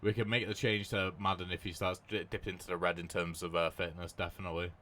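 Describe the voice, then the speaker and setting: Bright-voiced young man commentating a game. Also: low-pitched, flat delivery, fast talker, slight background noise. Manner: swears freely, shouts at big moments, mutters over choices. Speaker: gaming commentator. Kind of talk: casual live commentary of a football management game.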